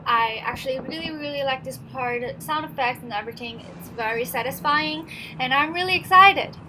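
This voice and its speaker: A young woman with a high-pitched voice and a Cantonese accent chats casually over gameplay as a gaming vlogger, telling stories at a moderate pace with fillers and restarts. Her voice-over sits on top of loud game music, and the low-quality recording has slight background noise.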